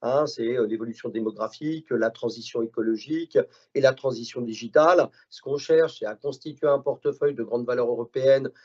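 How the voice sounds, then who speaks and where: A man on a conference panel walks through his fund's strategy in a measured way, peppering his speech with fillers and tag words. The recording is dull and lo-fi. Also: mid-range voice, darkish tone. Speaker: asset management director. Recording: dull lo-fi sound.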